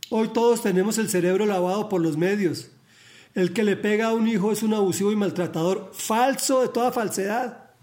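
High-voiced man preaching. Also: a little mellow. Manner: earnest, emphatic, preachy. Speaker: devotional Bible reader. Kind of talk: Bible reading and devotional reflection.

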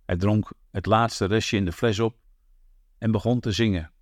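A man narrating a literary short story as an audiobook reader, in a measured, even way. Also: on the low side, no room sound, clean studio sound.

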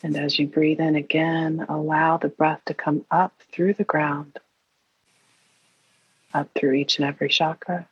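A woman leading a guided meditation in an airy, breathy, soothing and hushed voice, leaving long pauses. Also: deep voice, level tone. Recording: roomy, dull lo-fi sound.

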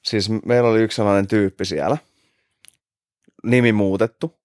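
A man's voice: lowish voice, steady tone, darkish tone, no echo, studio quality. A man in his late twenties, a podcast host, telling an anecdote in casual chat, swearing freely and laughing as he goes. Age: 20s.

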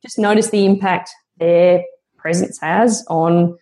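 A woman's voice: on the low side, fairly even intonation, slow, warm tone. A woman guest on a podcast interview, speaking in an earnest, motivational and reflective way.

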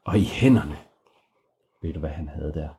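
Deep-voiced father telling a bedtime story. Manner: animated, swooping into voices and sound effects.

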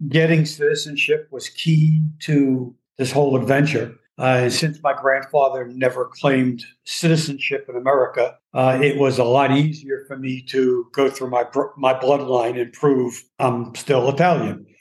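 An older retired man from Queens, New York, answering interview questions in a relaxed way with some fillers. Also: medium pitch, measured pace, few pauses, low-quality recording. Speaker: podcast guest.

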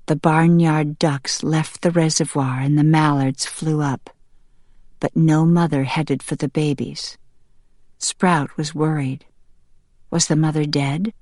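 A woman narrating a children's novel in steady, measured storytelling. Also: low-pitched, no echo, studio quality. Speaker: audiobook narrator. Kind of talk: scripted narration.

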